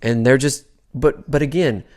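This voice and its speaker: A man from the United States co-hosting a casual political chat podcast, talking in an animated, halting way with frequent restarts. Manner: animated, pitch jumps high when worked up. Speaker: podcast co-host.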